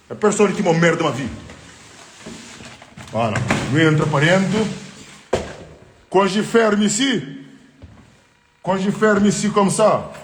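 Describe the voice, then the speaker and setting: Man, high voice, swings up and down a lot, boastful, mixes in French, casual live stream. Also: noisy background. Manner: boastful, switches between Portuguese and French. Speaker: livestreamer. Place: at home. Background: faint music.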